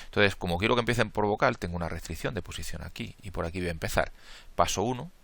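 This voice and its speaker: A fast-talking math lecturer, low-voiced with vocal fry and a bit of brightness, walks through a combinatorics problem one step at a time. He counts the steps out loud, reasons aloud, and corrects his own mistakes, all in a Spain Spanish accent.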